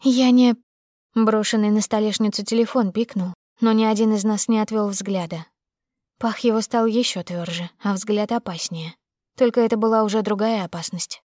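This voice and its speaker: A woman narrating a first-person audiobook in a steady, emotive storytelling manner. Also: medium pitch, dry recording, studio quality.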